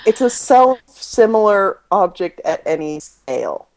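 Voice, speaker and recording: A woman's voice: medium pitch, very animated, unhurried. A woman co-hosting a casual podcast chat, enthusiastic and laughing often.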